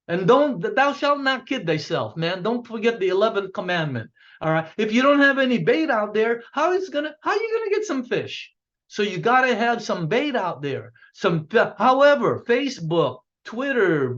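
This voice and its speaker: A man's voice: high voice, fairly bright tone, lo-fi sound. A man giving a punchy motivational talk to a sales team, repeating himself and asking "okay?" after each point. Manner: punchy, repetitive, asks "okay?" a lot. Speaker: business coach.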